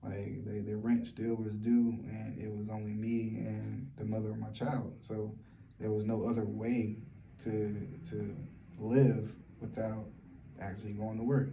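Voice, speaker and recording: Guy vlogging real quiet, lots of ums and restarts, super flat monotone, dark mellow sound. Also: creaky, a little hiss or hum. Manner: speaks softly and low; halting, with many fillers and restarts. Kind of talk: personal vlog, sharing a story of loss.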